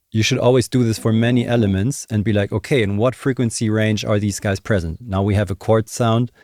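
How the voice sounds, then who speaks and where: A young adult man, a music production tutor, thinks aloud through a casual, conversational tutorial in a small indoor home studio. He speaks into a close desk microphone with headphones on, his voice on the low side and darkish, while music and drum samples play behind him.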